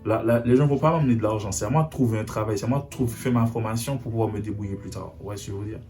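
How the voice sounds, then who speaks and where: Young man from Haiti, low mellow voice, earnest and insistent vlog delivery over soft guitar. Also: racing. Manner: earnest, repeats himself for emphasis. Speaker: vlogger. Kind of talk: personal video message. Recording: faint guitar music behind.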